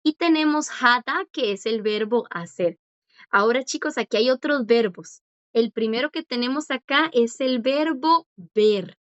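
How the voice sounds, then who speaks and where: A woman's voice: on the high side, a little slow, a bit bright, dry recording. A woman teaching a language class, patient and encouraging as she quizzes students and praises their answers. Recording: dull lo-fi dry audio.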